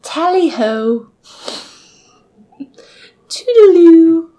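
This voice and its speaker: A woman voicing an overly formal, posh mock-British hostess in a put-on British accent, with slow, drawn-out, sing-song delivery. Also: very high voice, sing-song, dark tone, pitched above the performer's own voice, exaggerated voice, poor audio. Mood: grandly formal. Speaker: podcast co-host.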